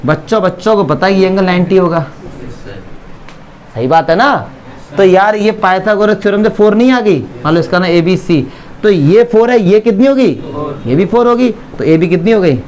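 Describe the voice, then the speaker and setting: A man's voice: sits high, normal speed, darkish tone. A man with an Indian accent teaching a maths class, chatty and teasing, who keeps checking that his students follow. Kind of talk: classroom lesson explaining geometry.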